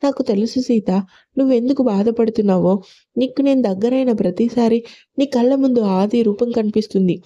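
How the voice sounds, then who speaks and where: Woman doing soft coaxing young husband, dark mellow voice, lo-fi sound. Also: a little high. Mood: brooding. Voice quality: gentle, coaxing. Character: tender devoted young husband. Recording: lo-fi audio.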